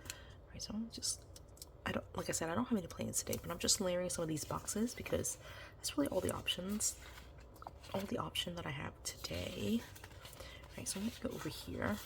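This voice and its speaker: A woman speaks in a whisper, her voice on the low side, expressive and brisk with vocal fry and frequent pauses. Sick, congested, and nasal, with her voice failing, this vlogger meanders chattily through decorating her planner, saying um and you know a lot in a casual plan-with-me chat.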